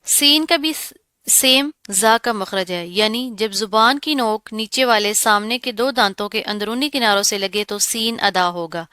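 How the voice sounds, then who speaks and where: Bright, crisp woman teaching letter sounds. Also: mid-range voice, no room sound, clean studio sound. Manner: explains, then pronounces each letter slowly and drawn out. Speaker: Quran recitation teacher. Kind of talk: pronunciation lesson.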